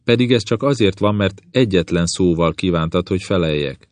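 Man voicing a quiet envoy, gentle, deferential, deep voice, dry close sound, audiobook. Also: no echo, lightly acted. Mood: soothing. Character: quiet, calm, tactful envoy returned from abroad.

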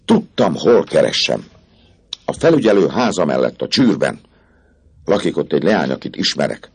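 A man reading aloud and voicing a cocky, boastful young male student who exclaims excitedly. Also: extremely low pitch, creaky, breathy edge, voice pushed up, exaggerated voice.

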